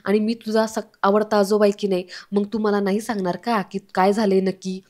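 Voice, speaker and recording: A woman's voice: mid-range voice, little pitch movement, brisk, darkish tone, lightly acted. A woman voicing an elderly grandfather in a retold family drama, speaking firmly and like a father. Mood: stern, fatherly. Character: elderly grandfather, gentle but stern.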